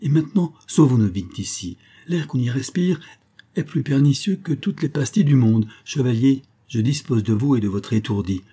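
A man's voice: medium pitch, expressive, moderate pace, breathy edge, pitched above the performer's own voice. A man voicing a spirited, teasing young stage actress in a read-aloud historical story, raised well above his own voice. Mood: playful. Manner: bright, teasing, pleading. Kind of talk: audiobook reading.

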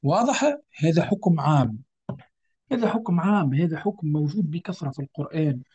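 A teacher explains tajweed rules in a lively voice that rises and falls a lot. The delivery is patient and repetitive, with frequent checks that students understand. Examples are recited slowly and deliberately. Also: mid-range voice, slightly rough, muffled recording.

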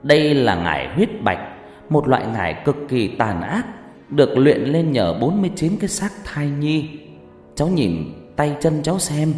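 A man's voice: fairly high pitch, big pitch swings, normal speed, darkish tone, voice pushed up. A man voicing a stern old village shaman woman. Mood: grave warning. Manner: grave, admonishing. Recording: reverberant hall with background music.

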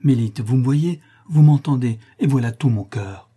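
A man voicing an ardent young gentleman who speaks in a fervent, imploring way. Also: mid-range voice, moderate pace, slightly rough, natural voice.

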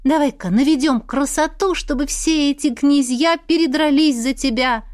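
A high, loud, whiny teenage girl, voiced by a woman narrator in a storybook reading. She is sulky and bossy with her older sister. Her complaints come out bright and insistent. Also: normal speed, dry recording, clean studio sound, natural voice. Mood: teasing.

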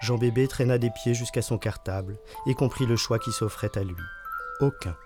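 A man narrating a children's bedtime story in a playful, lively way. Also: medium pitch, normal speed. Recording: clear background music. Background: music.

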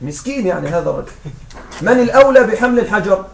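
A man with a high voice teaches a grammar lesson, patiently walking through each point and asking if the class is following. He sounds set back from the microphone, with a faint hiss under the voice. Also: expressive, racing, vocal fry, distant mic. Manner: patient, checks understanding with repeated questions.

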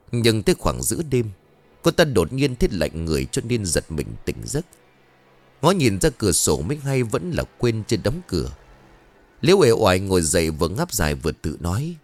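A man's voice: lowish voice, dry recording. A man narrating a ghost story in a dramatic storytelling manner.

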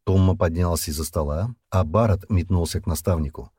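Man reading a fantasy audiobook, low dark husky voice, dry close sound. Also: a little fast, dry recording. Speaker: audiobook narrator. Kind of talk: scripted fiction narration.

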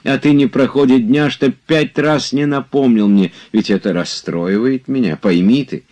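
A man reading aloud as an idle, touchy gentleman, reproachful and easily upset, in a storybook. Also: medium pitch, normal speed, pitched above the performer's own voice, natural voice. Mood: exasperated. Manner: exasperated, reproachful.

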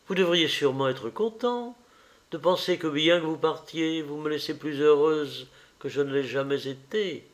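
A male reader doing a lovestruck young woman, higher and brighter than his own voice, pleading. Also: normal speed, close to an everyday voice. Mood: tender.

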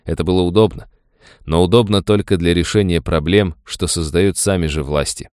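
A man reading a story as an audiobook narrator, in an even, measured way. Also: deep voice, dry recording, clean studio sound. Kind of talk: scripted narration.

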